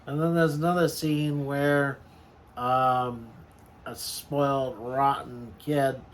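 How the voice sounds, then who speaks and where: A man in casual chat recounting a film in a halting, hesitant way with somewhat formal wording. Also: medium pitch, steady tone, a little hiss or hum.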